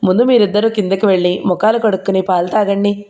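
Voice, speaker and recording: A woman voicing a calm, careful husband who speaks gently and measuredly while breaking bad news. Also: medium pitch, fast, natural voice.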